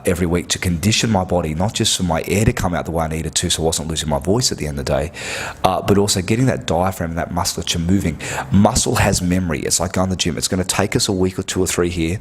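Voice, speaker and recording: A man from a health clinic gives a breathing lesson straight to camera, coaching step by step in an earnest, direct way and repeating himself often. His voice sits low and is slightly rough.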